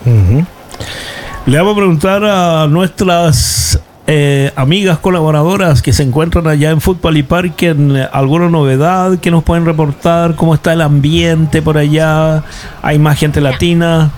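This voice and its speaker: A man's voice: a little high, fairly even intonation, moderate pace, darkish tone. A man hosting a live radio show, chatty, reading out press comments and interviewing callers. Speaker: radio host.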